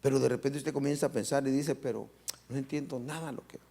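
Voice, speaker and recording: Fervent gravelly-voiced preacher. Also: male voice, mid-range voice, steady tone, quick pace, mellow. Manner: fervent preaching, frequent rhetorical questions to the congregation. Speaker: pastor. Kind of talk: sermon. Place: church service, live stream.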